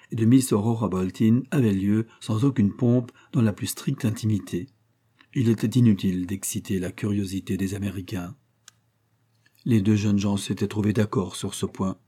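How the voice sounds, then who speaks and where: A male audiobook narrator with a low, mellow voice. He reads in a measured, literary way, steady and unhurried in his storytelling. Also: husky. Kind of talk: scripted narration.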